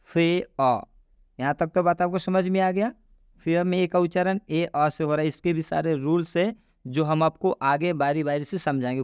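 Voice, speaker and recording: Man, pronunciation teacher, unhurried, drawn-out delivery, smooth clear voice, repeats words and sounds. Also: on the high side, no echo, studio quality. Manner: spells sounds out slowly and repeats key words. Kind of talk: slow explanatory lesson.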